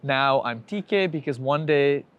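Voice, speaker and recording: A young man from Bangladesh speaks as a podcast guest. He talks candidly and reflectively at an everyday mid-range pitch, with plenty of fillers. It is a relaxed interview recorded at his home. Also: measured pace, smooth, muffled recording. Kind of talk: casual interview conversation. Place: home in New York.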